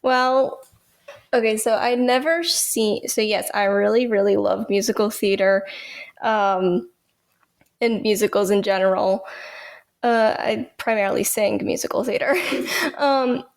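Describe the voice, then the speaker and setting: A woman from Texas co-hosting a local politics podcast, chatting in an easygoing way and quick to laugh. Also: medium pitch. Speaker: podcast co-host. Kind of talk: casual conversation.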